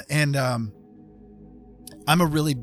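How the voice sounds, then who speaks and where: A former radio host chats casually on his livestream, wandering from topic to topic over background music. His voice sits fairly high and a bit bright, with vocal fry, and he talks slowly.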